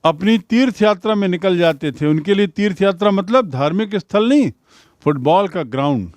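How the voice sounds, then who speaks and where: A man teaching English vocabulary, saying example sentences slowly and explaining them in Hindi. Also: high voice, expressive, a little mellow, no echo.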